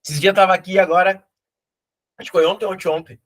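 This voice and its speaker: A middle-aged teacher with a southern Brazilian gaúcho accent tells folksy motivational anecdotes, acting out the characters in them. His voice sits high, steady in tone, and moves fast.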